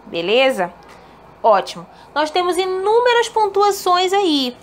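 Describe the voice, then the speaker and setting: A woman's voice: very high voice, sing-song, measured pace. A woman teacher explaining a lesson to her pupils in a patient, explanatory way, calling them fond names. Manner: explanatory, addresses pupils fondly. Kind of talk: recorded online lesson.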